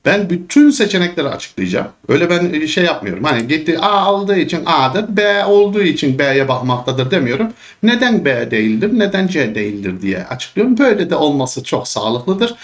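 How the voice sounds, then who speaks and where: A man with a Çorum lilt teaching history for an exam, talking in an animated, joking way that leaps up in pitch when he gets worked up. His voice sits a little higher than most men's and swings widely. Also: a little fast, hardly any pauses. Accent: Turkish, Çorum dialect slips. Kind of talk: exam prep lesson with casual rants.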